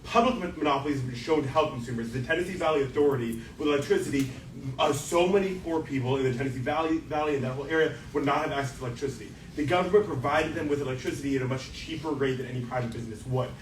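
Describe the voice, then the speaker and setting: A man's voice: mid-range voice, rapid-fire. A young man debating confidently, backing his point with examples. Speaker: student debater. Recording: echoey room, distant mic, noise.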